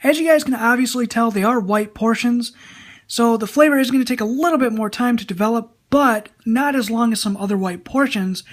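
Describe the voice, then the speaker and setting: A woman with a moderately high voice presents a product to viewers. Her delivery is conversational, in the style of a casual online review.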